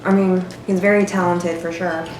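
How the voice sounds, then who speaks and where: A woman tasting fried chicken and chatting casually, unhurried and quick to laugh. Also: lowish voice, level tone, darkish tone, faint music behind. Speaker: guest tasting the food. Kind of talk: casual eating vlog chat. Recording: echoey kitchen with faint background noise.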